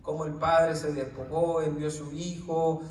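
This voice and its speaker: A fairly high-voiced man preaches informally to a small gathering at a normal speed with little pitch movement. He keeps asking "right?" and saying "brother," stumbling over words at times. The mic is distant in an echoey room with a faint hiss.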